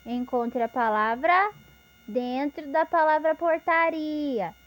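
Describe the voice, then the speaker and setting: A woman's voice: sits high, takes it slowly, lo-fi sound. A woman giving an instructional lesson, patiently explaining step by step with examples. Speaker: teacher.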